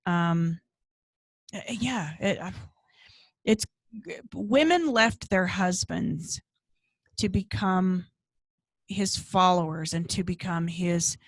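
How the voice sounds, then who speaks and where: A woman co-hosts a podcast and recounts a story in casual chat. She talks with animated rises and restarts herself often. The sound is dry and close. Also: lowish voice, takes it slowly, pauses often, no echo. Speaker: podcast co-host.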